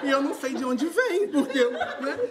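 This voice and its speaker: A man's voice: very high voice, normal speed, heavy background noise. A middle-aged man telling a comic story to a studio audience, laughing as he goes and acting out voices. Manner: excited, laughs through his story, acts out voices.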